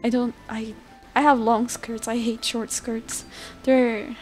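A woman's voice: on the high side, little pitch movement, takes it slowly, a little mellow, faint music behind. A young woman chatting casually on a livestream as a VTuber, with a cutesy, giggly, self-deprecating manner. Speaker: VTuber streamer chatting with viewers.

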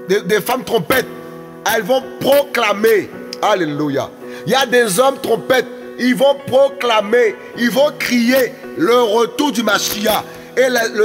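A man's voice: very high voice, long reverb tail. A man preaching a fiery sermon, exhorting and repeating words as he urges his listeners on.

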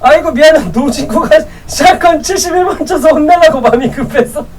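A woman streaming a game live, teasing other players in loud banter and laughing often; her voice sits a little off-mic. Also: high voice, fairly quick, far from the mic, a little hiss or hum, poor audio. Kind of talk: live gameplay chat with viewers.

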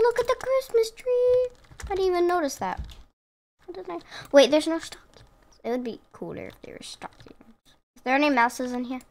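Casual gaming host, female, chatty and self-amused; slightly high with a gravelly edge, close desk mic. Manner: chatty, rambling, laughs at herself. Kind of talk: casual let's-play commentary. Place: room at home with her cat. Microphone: own desk microphone.

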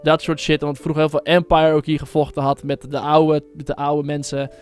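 A man's voice: on the high side, monotone, a little fast, darkish tone, smooth, faint music behind. A man hosting his own gaming channel, giving casual, rambling commentary full of fillers and slang.

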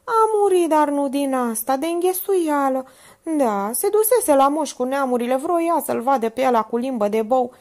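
A shrill, frightened chatterbox who squeals high above an ordinary speaking voice, as a woman reader puts her on. She babbles in breathless exclamations, swinging up and down in pitch, and is plainly an audiobook character. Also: expressive, a little mellow. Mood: gossipy. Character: panicky chatty simple woman, easily frightened.

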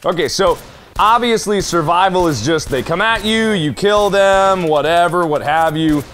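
A young man giving let's play commentary on a virtual reality zombie shooting game, swearing and joking, dropping to mutters and jumping to yelps and shouts. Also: high-pitched, measured pace, slight background noise. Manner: swears and jokes while playing. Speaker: gaming YouTuber.

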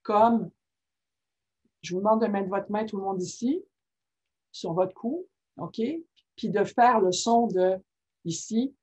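Husky woman presenter. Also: medium pitch, slow, long pauses. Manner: checks in constantly with "ok?", lively and informal. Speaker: workshop presenter on reading disorders. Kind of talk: conversational teaching talk. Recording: muffled lo-fi recording.

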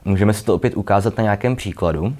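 A man's voice: on the low side, a little mellow. A young man with a Czech accent hosting a casual literature lesson, explaining a poem in a loose conversational way and reading verses aloud. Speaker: literature video host.

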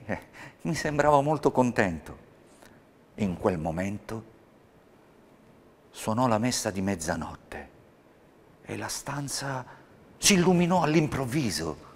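A man reading a Christmas fairy tale aloud in a measured, expressive storytelling manner. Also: fairly low pitch.

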